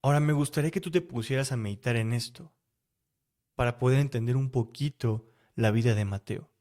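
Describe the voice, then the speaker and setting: A man's voice: medium pitch, brisk, a little mellow. A man with a Mexican Spanish accent gives a devotional sermon in a mid-range voice. He talks straight to the listener and keeps asking them rhetorical questions. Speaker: preacher.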